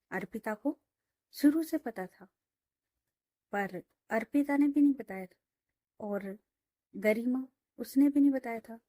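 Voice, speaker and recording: A woman's voice: sits high, dark tone, dry recording. A woman telling a romance story in a casual, chatty way, full of fillers, into a close mic.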